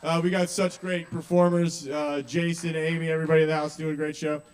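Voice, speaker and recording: A man's voice: on the high side, little pitch movement, a little fast, clean tone. A young man doing stand-up comedy at an open mic, talking casually, swearing and checking in with the audience. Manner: conversational, asks the audience questions, swears. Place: small kava bar with live audience.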